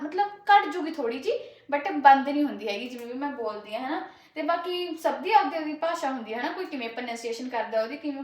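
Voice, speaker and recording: A woman's voice: high voice, roomy sound. A young woman from rural Punjab with a Punjabi accent, chatting casually in her home kitchen while she cooks. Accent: rural Malwa Punjabi. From Punjab, India. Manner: chatty, rambling, frequent filler tags. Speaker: cooking vlogger. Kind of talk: casual chat while cooking.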